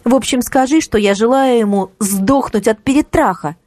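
A woman's voice: on the high side, normal speed, a little mellow, no echo, pitched above the performer's own voice, close to an everyday voice. A woman voicing a young woman who answers her ex in a steely, sarcastic tone in an audiobook. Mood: cold sarcastic.

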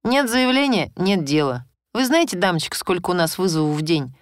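A woman's voice: lowish voice, very animated, a little fast, dry recording, clean studio sound. A woman voicing a grumpy, stern male police sergeant who talks curtly, in a military manner. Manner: grumbling, curt, military-strict.

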